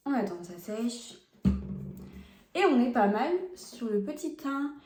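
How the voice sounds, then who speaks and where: A woman's voice: fairly high pitch, animated, unhurried, echoey room, loud music behind the voice. A young woman doing a casual makeup test vlog, talking frankly and chattily to her viewers while she applies products, recorded on a phone at home. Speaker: beauty vlogger. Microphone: phone camera.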